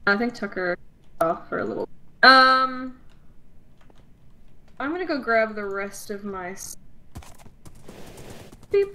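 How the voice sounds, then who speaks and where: Chatty young woman playing minecraft, bright highish voice, giggles a lot, bit of hiss. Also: lively intonation, slow, long pauses, low-quality recording. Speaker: Minecraft player. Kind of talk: casual gaming chat.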